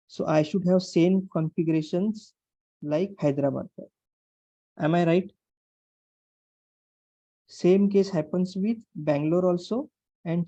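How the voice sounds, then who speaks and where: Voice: medium pitch, mellow, no room sound, lo-fi sound. An instructor with an Indian English accent teaching an online class step by step, repeating phrases and checking understanding with questions. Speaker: programming instructor. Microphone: online class call microphone.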